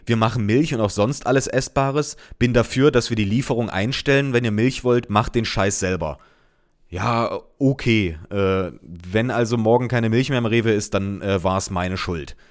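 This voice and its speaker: A man reading out reactions to his post with sarcastic, deadpan asides in casual commentary. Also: mid-range voice. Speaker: social media commentator.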